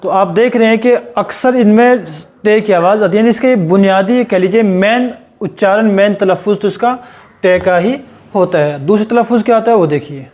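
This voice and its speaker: A man's voice: sits high, normal speed, a little mellow. A man teaching an English lesson, spelling words out letter by letter and repeating each one patiently. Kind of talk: classroom lesson.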